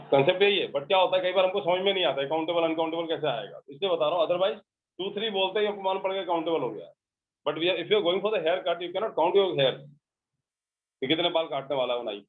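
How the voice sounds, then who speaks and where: A man teaching an English grammar class with an Indian English accent, explaining by repeating points and checking that students understand. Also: sits high. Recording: tinny phone-like recording.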